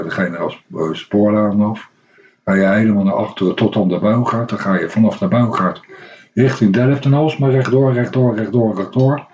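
A man's voice: lowish voice, darkish tone. A middle-aged man, hosting a radio show and telling a long, rambling everyday story with many hesitations and restarts. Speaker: radio host. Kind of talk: casual anecdotal radio chat. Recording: dull lo-fi radio recording.

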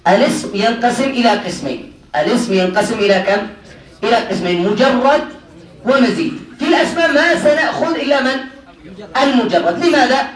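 A man's voice: extremely high pitch, brisk. A man teaching a classroom grammar lesson, quizzing his students and repeating their answers with frequent laughter. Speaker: religious teacher. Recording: roomy sound from a distant mic.

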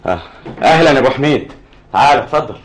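A man's voice: mid-range voice, lively intonation, slightly rough. An actor with an Egyptian accent playing a tense, evasive young man who stammers and snaps in a radio drama. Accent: Egyptian Arabic. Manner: halting, snapping.

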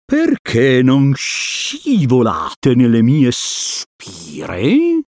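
A man voicing a sly python in a storybook reading, drawing his words out slowly. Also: mid-range voice, wildly swooping pitch, a little mellow, no echo, studio quality, exaggerated voice. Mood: sly, hissing. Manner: slow, drawn-out and sly. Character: slow, hissing, sly python.

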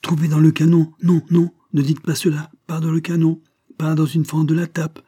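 A man's voice: mid-range voice, expressive, fairly quick, mellow, breathy edge. A man voicing a young male soldier accused of spying, who protests and pleads in an audiobook. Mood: panicked. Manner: protesting, pleading with rising intensity. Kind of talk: audiobook character voice.

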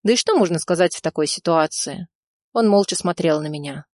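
A woman with a lowish voice reads a first-person audiobook in an even, steady way. The recording is dry and close, with no room sound at all. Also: fairly quick, no room sound. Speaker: audiobook reader.

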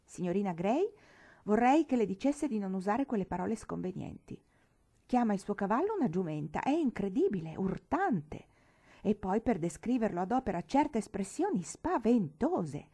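A woman's voice: mid-range voice, very animated, moderate pace, warm tone, breathy edge. A woman reading an audiobook, voicing a prim, affected young lady who complains about her sister's coarse words. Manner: fussy, genteel, complaining.

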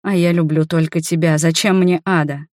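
A woman voicing a gentle, shy wanderer man who talks softly and tenderly to his beloved in an audiobook. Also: on the high side, steady tone, normal speed, dry recording, clean studio sound, close to an everyday voice. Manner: soft, tender and reassuring. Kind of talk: audiobook character voice.

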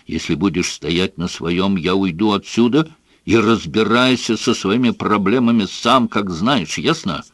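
A man voicing a furious, bullying middle-aged father in an audiobook, shouting and scornful. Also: lowish voice, a little slow, no echo, studio quality. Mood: enraged. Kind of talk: audiobook character voice.

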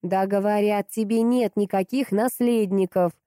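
A woman reading an audiobook, voicing a flustered, tipsy housekeeper who babbles in a shrill voice. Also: steady tone, normal speed, mellow, dry recording, studio quality, lightly acted. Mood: defiant.

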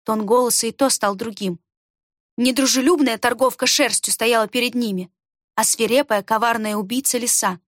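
A woman narrating an audiobook in an expressive, even reading. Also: a little high, normal speed, no room sound, studio quality.

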